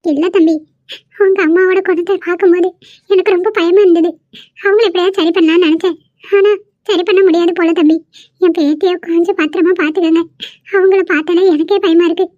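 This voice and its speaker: A woman's voice: very high-pitched, fairly even intonation, a little fast, darkish tone, dry recording. A woman voicing a tearful elderly grandmother in a cartoon, pleading and worried. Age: older. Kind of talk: cartoon voice acting. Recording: muffled lo-fi recording.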